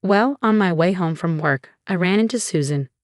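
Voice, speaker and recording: A relaxed, good-natured middle-aged father explaining things fondly in a spoken family story, as a woman narrator puts him on. The voice is somewhat low and sounds close and dry. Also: moderate pace, no echo, lightly acted. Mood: amused.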